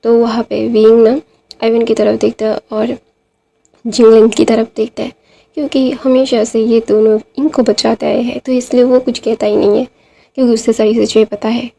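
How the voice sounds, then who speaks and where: A woman storyteller chatting her way through a fan-fiction retelling, with frequent fillers. Her voice sits a little high but stays flat in melody, with a gravelly, mellow tone. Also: moderate pace. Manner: chatty, many fillers like "to wahan pe na".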